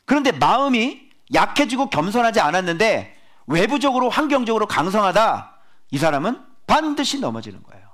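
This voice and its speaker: A male pastor giving a sermon, emphatic and animated, with many rhetorical questions to the congregation. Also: high-pitched.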